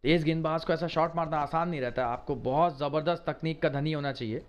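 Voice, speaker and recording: A man giving excited live cricket commentary, exclaiming in short, emphatic bursts of praise. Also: a little high, fairly quick, muffled recording, slight background noise.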